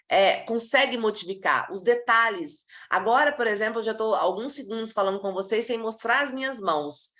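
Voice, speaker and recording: A woman from Brazil giving a live talk to professionals on body language, lively and demonstrative, acting out examples as she goes. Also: a little high.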